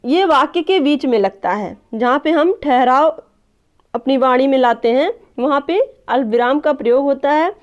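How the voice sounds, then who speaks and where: A woman teacher giving an online lesson, explaining step by step, addressing viewers as friends and often checking with "clear?". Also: high-pitched, expressive, normal speed. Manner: checks understanding with a repeated "clear?". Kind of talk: online exam-prep lesson. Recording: dull lo-fi recording.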